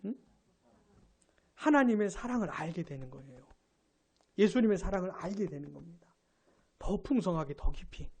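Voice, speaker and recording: A male pastor giving a live Sunday sermon, asking his congregation questions and building to loud emphatic peaks. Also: sits high, expressive, moderate pace, long pauses, breathy edge. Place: church sanctuary.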